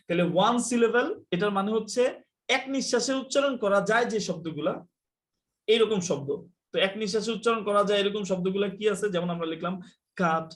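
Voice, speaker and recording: Fast-talking high-voiced male teacher. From Bangladesh. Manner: quick, explanatory, scolds students about mics. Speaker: online English teacher. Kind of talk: live online class lecture.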